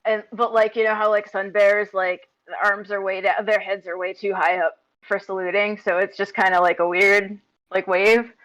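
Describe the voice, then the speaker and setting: A woman's voice: mid-range voice, level tone, normal speed, hardly any pauses, fairly bright tone, rough recording. A woman describing her character in a tabletop game, rambling with many fillers. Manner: rambling, full of "like". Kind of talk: casual tabletop chat.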